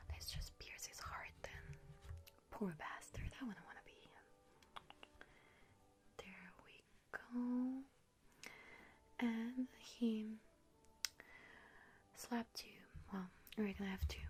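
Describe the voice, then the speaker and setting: A woman's voice: fairly high pitch, darkish tone. A young woman playing a gleeful young witch who casts hexes, in a whispered role-play, with a playfully sinister, giggly, chatty manner. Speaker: ASMR creator.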